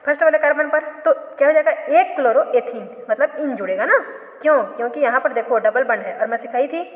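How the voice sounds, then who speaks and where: High-voiced woman teaching in an echoey room. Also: fairly quick, phone-quality sound. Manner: asks questions then answers them herself; repeats and corrects herself. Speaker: chemistry teacher. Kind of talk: classroom lecture. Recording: echoey room, long reverb.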